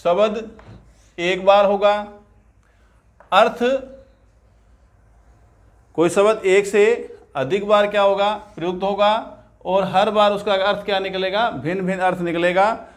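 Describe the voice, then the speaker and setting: A man with a fairly high voice teaches a grammar lesson at an unhurried pace. He drills key terms by asking questions and then answering them himself. He recites lines of verse slowly and distinctly. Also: steady tone. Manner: slow, repeats key terms, asks and answers his own questions. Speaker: Hindi teacher. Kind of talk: grammar lesson on figures of speech.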